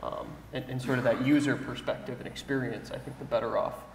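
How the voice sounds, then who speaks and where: A man's voice: mid-range voice, fairly even intonation, brisk, gravelly. A man on a conference panel speaking thoughtfully, hedging often with "sort of" and "you know". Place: large conference hall stage. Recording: echoey hall with faint room noise.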